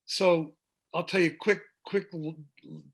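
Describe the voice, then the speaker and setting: A man's voice: fairly high pitch, steady tone, a little slow, slight background noise. A middle-aged man telling long rambling anecdotes with many fillers and restarts, as a guest on a video podcast. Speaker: guest, music director. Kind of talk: storytelling in a video podcast interview. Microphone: video call.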